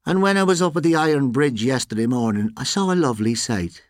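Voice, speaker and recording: A man voicing a big, fat cattle dealer who speaks in a soft, mocking, needling way in a story reading. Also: mid-range voice, expressive, fast talker, no room sound, clean studio sound, pitched above the performer's own voice, lightly acted. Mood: mocking taunt.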